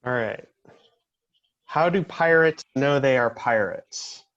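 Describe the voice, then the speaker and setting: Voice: mid-range voice, slow, fairly bright tone. A speaker telling pirate jokes at a club meeting in an easygoing way, over dull lo-fi video call audio. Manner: easygoing, chuckles at own jokes. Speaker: joke master.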